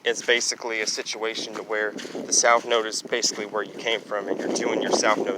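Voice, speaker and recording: A low-voiced astrology vlogger with a loud, booming sound rambles through a casual monologue as he walks outdoors past trees and traffic. He fills his talk heavily with "you know" and "basically", and street noise, wind and passing cars run through the recording.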